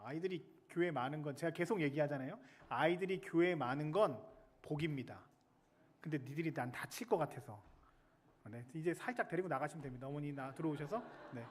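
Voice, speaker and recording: High-voiced male chaplain, lively sermon, chats with the kids in the pews. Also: fairly quick, slight background noise. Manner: lively, chatty, jokes with the children in the pews. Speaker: military chaplain pastor.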